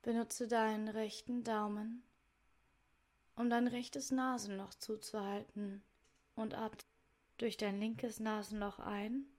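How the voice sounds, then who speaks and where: A woman leading a guided meditation in a soft, soothing voice, giving measured instructions in short phrases that sometimes trail toward a whisper. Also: fairly high pitch, level tone. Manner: soft, soothing delivery with breathy, near-whispered phrase endings.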